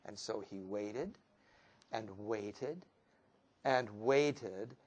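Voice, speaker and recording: A man's voice: on the low side, very slow, a little mellow. A man reading a picture book aloud to children in a dramatic storytelling manner. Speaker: storytime reader.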